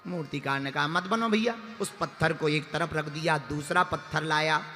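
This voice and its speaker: A male preacher giving an animated, joking devotional sermon full of stories at a large religious gathering. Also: fairly high pitch, normal speed. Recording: long hall reverb with faint music.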